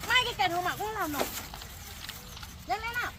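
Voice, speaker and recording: A woman's voice: extremely high pitch, animated, fast. A young woman playing a cruel, bossy daughter-in-law who harshly scolds and orders around her mother-in-law in a field. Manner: harsh, scolding, impatient commands. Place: outdoors in a rural field. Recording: noisy outdoor field recording.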